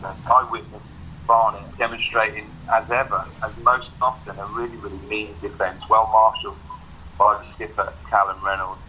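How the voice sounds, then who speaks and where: A man with a bright, punchy voice on the low side gives conversational football analysis. There is faint noise behind him, as on a podcast. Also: flat delivery, moderate pace, rough recording.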